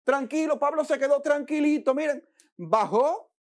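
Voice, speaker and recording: A man with a Dominican Spanish accent preaching a sermon, dramatically acting out worried people and dropping to a soft hush to calm them. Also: extremely high pitch, normal speed.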